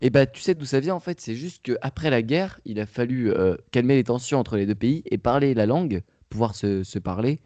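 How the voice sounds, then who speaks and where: A man's voice: mid-range voice, animated, a little fast, few pauses, dark tone, no room sound. A young man co-hosting a casual chat, talking with many fillers and restarts. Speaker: podcast co-host.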